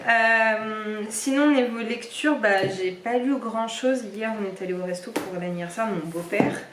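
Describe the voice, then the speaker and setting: A woman's voice: on the high side, unhurried, noisy background. Chatty young woman, echoey room. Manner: chatty, rambling with many fillers. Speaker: book vlogger. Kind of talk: casual reading vlog chat. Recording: echoey room, somewhat far from mic.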